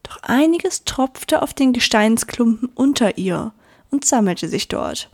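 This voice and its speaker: Female storyteller, gentle bedtime reading, speaks to the listener, slightly high voice. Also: animated, measured pace, slightly rough.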